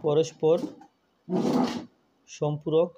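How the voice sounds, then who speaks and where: A man's voice: on the high side, little pitch movement, very slow, lo-fi sound, noisy background. A man teaching a math lesson, working through each step methodically and repeating it as he goes.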